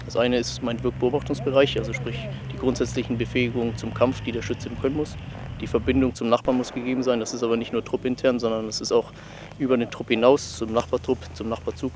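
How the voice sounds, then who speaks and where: A man's voice: mid-range voice, flat delivery, fast. A man, an army company commander, explaining things in an interview. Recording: outdoor noise with vehicles.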